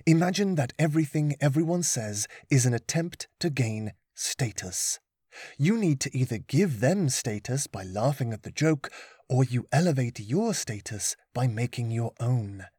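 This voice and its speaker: A man's voice: medium pitch, expressive, a little slow, dark tone, breathy edge, no echo. A man reading aloud voices a patient male mentor who teaches with dry, teasing humour. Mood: explaining.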